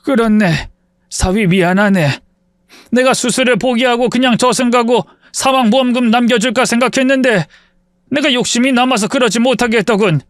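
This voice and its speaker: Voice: medium pitch, moderate pace, no echo, clean studio sound, pitched above the performer's own voice, natural voice. A man reading the part of an elderly father who is frail and apologetic, speaking in humble, old-fashioned phrases.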